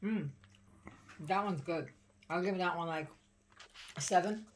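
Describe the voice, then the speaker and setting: A woman's voice: lowish voice, a little slow, slight background noise. A mother co-hosting a family channel, chatting casually in a food taste test while talking with her mouth full.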